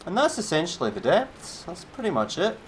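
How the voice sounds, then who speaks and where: A man's voice: high voice, huge pitch swings, a little fast, a little hiss or hum. Laid-back man chatting over gameplay. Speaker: streamer. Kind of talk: casual gameplay commentary.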